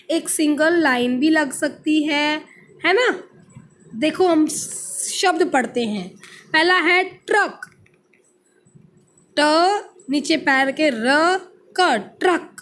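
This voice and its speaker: A woman teacher with an Indian accent gives a lesson to young children, patiently sounding out letters, repeating words and asking the class questions that she answers herself. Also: sits high. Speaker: school teacher.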